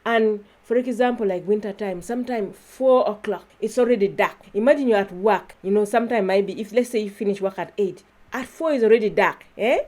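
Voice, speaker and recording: Woman, casual vlog chat, mid-pitched voice, laughs often. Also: a little fast, hardly any pauses, warm tone. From Uganda. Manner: chatty, laughs often, keeps addressing viewers as guys. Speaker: YouTuber.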